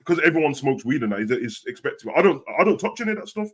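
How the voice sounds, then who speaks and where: A young man speaks at a rapid clip in a British urban street accent. His delivery is casual roadman storytelling, thick with slang and slipping into quoted dialogue as he goes. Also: a little high, sing-song, slightly rough. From Birmingham, England. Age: young adult.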